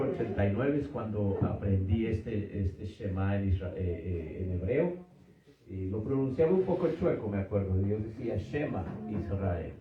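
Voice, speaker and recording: A middle-aged man teaching a church seminar, patiently repeating words and checking in with his listeners. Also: deep voice. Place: church hall with audience. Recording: echoey hall from far off, dull.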